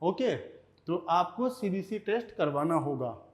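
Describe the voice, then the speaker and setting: High-voiced man teaching slow vocabulary. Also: lively intonation. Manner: repeats words slowly, often says "ठीक है". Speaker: language teacher. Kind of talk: Hindi lesson teaching Russian vocabulary.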